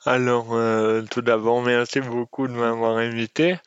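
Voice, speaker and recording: A man's voice: medium pitch, little pitch movement, a little slow, smooth, dry recording, muffled recording. A young man answering interview questions hesitantly, with many fillers. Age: young adult. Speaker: guest.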